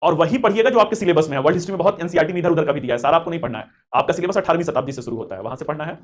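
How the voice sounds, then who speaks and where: A man's voice: on the high side, racing. A man teaching history to exam students in a live class. He is chatty and encouraging, calls students beta and mixes in English terms. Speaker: history teacher for civil service exam coaching. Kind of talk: live online class with chat questions.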